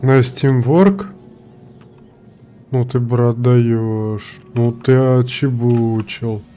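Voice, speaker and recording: A man streaming a video game, commenting casually in a loud, exasperated way with frequent swearing. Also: mid-range voice, fairly even intonation, very slow, faint music behind.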